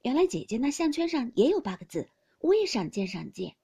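A woman voicing a playful teenage boy who wheedles and pleads eagerly and loudly in a storybook reading. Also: high-pitched, sing-song, a little fast, breathy edge, exaggerated voice. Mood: wheedling.

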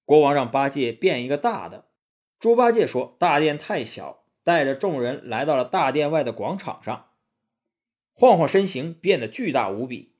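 A man narrates a classic tale as a children's storybook. His voice is husky and animated, rising and falling expressively. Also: mid-range voice, normal speed.

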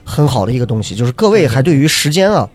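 A man's voice: mid-range voice, very animated, quick pace, darkish tone. A man in casual chat, musing thoughtfully with occasional joking asides.

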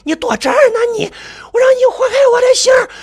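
A man voicing a frenzied, grieving mother who screams curses through wailing sobs, her voice shrill and piercing. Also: lively intonation, brisk, vocal fry, shouting, full character voice. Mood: murderous screaming. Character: grieving mother, frenzied, shrieking, sobbing woman.

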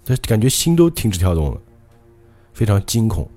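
A man's voice: fairly low pitch, big pitch swings, moderate pace, mellow, faint music behind. Dramatic male ghost storyteller. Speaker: podcast host, storyteller.

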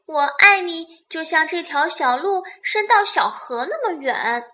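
A playful, loving little bunny, put on by a woman reading a bedtime storybook. The voice sits high and rises with eagerness. The delivery is slow and sing-song, drawing out each word. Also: lively intonation, bright, forceful tone, exaggerated voice. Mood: eager.

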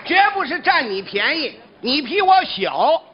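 A man with a Beijing accent leads a crosstalk comedy act with playful, boastful banter. His voice sits fairly high and leaps around a great deal. It comes through a dull, lo-fi stage recording. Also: very animated, a little slow, noisy background. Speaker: crosstalk comedian, lead teller. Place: theater stage.

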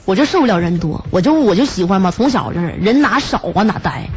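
A woman radio host with a Northeastern Chinese accent, telling a comic story in a chatty, self-mocking way and jumping in pitch to act out the people in it. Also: animated, fast, a little mellow, soft background music. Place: radio studio. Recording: slightly dull radio broadcast.

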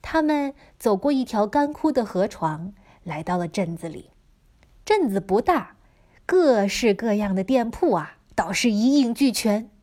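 A woman teacher telling a story to children, expressive and dropping into dramatic whispers. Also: medium pitch, a little slow.

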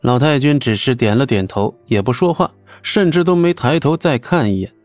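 A man's voice: medium pitch, animated, moderate pace, a little mellow, no room sound, soft background music. Male audiobook narrator, dry close sound.

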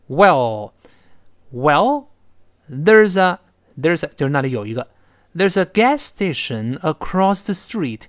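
A man leads an English pronunciation lesson, breaking sounds apart and repeating words slowly for learners. His voice sits a little high and moves with lively swings. The sound is dry and close, with no room echo. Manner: explains sounds slowly, drilling words aloud. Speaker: English teacher.

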